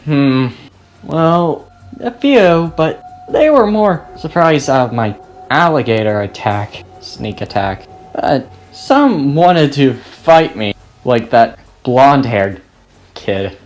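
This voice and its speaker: A man's voice: medium pitch, big pitch swings, slow pace, soft background music. A man voicing a drawling Southern gator-powered teen. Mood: hesitant. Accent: put-on Southern US.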